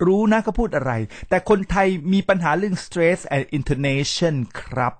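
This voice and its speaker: ผู้ชายไทยวัยกลางคน พูดบรรยายแบบเป็นกันเอง เสียงค่อนข้างสูง. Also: male voice, fairly high pitch, a little slow, no echo. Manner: animated, mixes English words into his talk, demonstrates pronunciation. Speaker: podcast host teaching English. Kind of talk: casual lecture-style talk to listeners.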